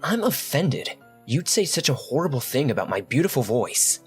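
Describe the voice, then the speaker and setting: A woman's voice: a bass voice, very animated, normal speed, darkish tone, breathy edge, soft background music, voice pushed down, exaggerated voice. A woman voicing a goofy, tipsy young man who jokes in a mock-dramatic way. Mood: joking.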